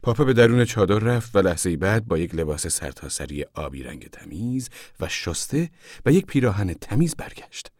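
A man narrating a novel as an audiobook in a calm, even storytelling manner. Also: lowish voice, dry recording, studio quality. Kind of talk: scripted narration.

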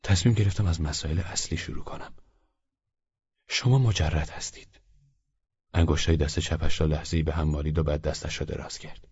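Very husky, deep-voiced male narrator. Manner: measured, calm, reflective. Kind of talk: audiobook reading of a first-person story. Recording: dull lo-fi recording.

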